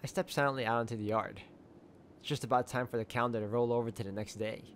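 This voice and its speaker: A man's voice: medium pitch, steady tone, fast, slight background noise. A man reading first-person story narration aloud from a visual novel. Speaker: reader of a visual novel playthrough.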